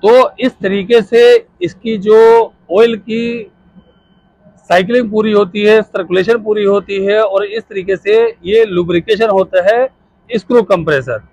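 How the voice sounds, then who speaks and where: A man in his thirties teaches on a rooftop next to a chiller, going through the parts step by step as he points them out. His voice sits high for a man. The phone recording is close and dry. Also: measured pace, darkish tone, no echo, lo-fi sound. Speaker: HVAC instructor. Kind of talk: hands-on technical explanation. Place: outdoors on a rooftop beside a chiller unit. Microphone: phone camera held by a helper.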